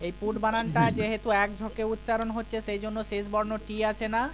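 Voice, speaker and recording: Man, teacher, patient step-by-step explaining, quizzing students, steady hum behind. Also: high voice, quick pace. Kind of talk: live online English grammar class.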